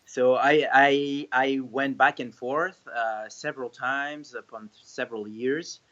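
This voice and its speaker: A man's voice: medium pitch, fairly even intonation, slow, bright, forceful tone, highs cut off. A man in his thirties from France, a restaurant owner talking casually in an interview, hesitant with many fillers and restarts.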